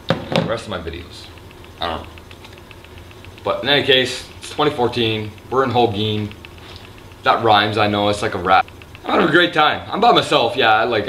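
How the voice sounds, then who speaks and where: A slightly drunk man with a raspy throat, rambling and swearing loosely in a casual vlog, filmed on a handheld camera in a resort hotel room. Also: on the low side, a bit bright, slight background noise. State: a little drunk. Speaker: vlogger. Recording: echoey room with faint ambience.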